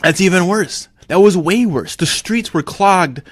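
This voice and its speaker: A man co-hosting a podcast, chatting casually and telling excitable stories with loud outbursts. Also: sits high, measured pace, no echo, studio quality. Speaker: podcast co-host.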